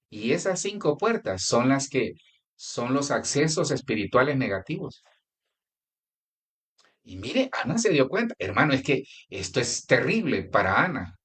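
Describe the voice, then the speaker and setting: Male pastor, Colombian accent, conversational sermon delivery, animated swooping intonation. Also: mid-range voice, husky. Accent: Colombian Spanish. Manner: conversational preaching with anecdotes and direct address.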